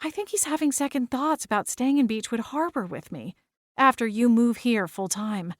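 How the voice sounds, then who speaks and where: Gentle girlish ghost friend, played by a female narrator, audiobook, dry recording. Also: fairly high pitch, moderate pace, no echo, natural voice. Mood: worried. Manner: gentle, sighing, exclaiming. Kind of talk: audiobook character voice.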